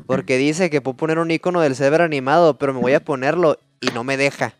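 A man's voice: mid-range voice, quick pace, faint music behind. A Mexican man co-hosting a loose live-streamed podcast, teasing his friends and swearing casually. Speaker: podcast co-host.

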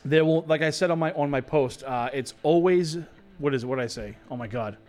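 A man's voice: a little high, fairly quick, a little mellow. A man with a Boston accent hosting a radio show in casual, jokey banter, rambling and repeating words, with some swearing.

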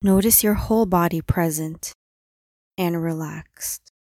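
Slow, soothing woman guiding meditation. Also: lowish voice, no echo, clean studio sound. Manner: calm, soothing, unhurried instructions with long pauses. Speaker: meditation guide. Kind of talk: guided body-scan meditation.

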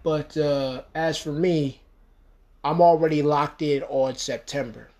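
This thirtysomething American podcast host talks by himself in a fairly high, steady, slightly mellow voice, taking his time. His monologue meanders but stays emphatic, crowded with "you know" fillers.

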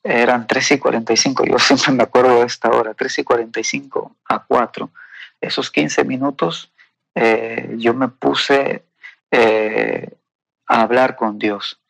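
A man telling an emotional personal testimony in a halting, earnest way, with many fillers and tag questions. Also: medium pitch, steady tone, vocal fry, fairly bright tone, slightly rough, no room sound, low-quality recording. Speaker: guest sharing a personal testimony.

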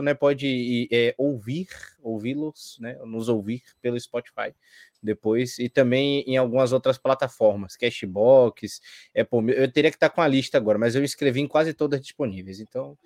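A man's voice: medium pitch, normal speed, darkish tone, no echo, studio quality. A man with a Brazilian Portuguese accent, a sports commentator chatting casually, jokey and laid-back with many fillers. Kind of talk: casual chat.

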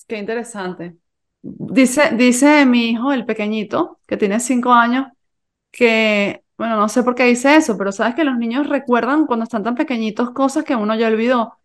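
Woman host, thoughtful, chats softly, pretty high voice. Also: moderate pace. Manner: thoughtful, reflective, short soft agreements. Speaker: podcast host. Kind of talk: casual spiritual conversation.

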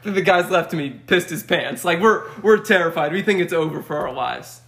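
A young man telling a story in a casual chat, animated and laughing often as he acts out quotes. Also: fairly high pitch, normal speed, vocal fry. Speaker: podcast guest.

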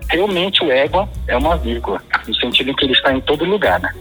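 A man's voice: medium pitch, sing-song, fast, sharp tone, soft background music, rough recording. A man with a Paraense Brazilian Portuguese accent, explaining regional slang at length in a casual chat. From Pará, Brazil. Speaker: guest discussing slang.

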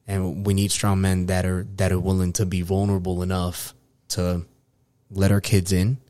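Male podcast host from New York, low pitch, dry sound, earnest and halting casual talk. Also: completely flat delivery, mellow, dry recording. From New York, United States. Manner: earnest, halting with repeated phrases.

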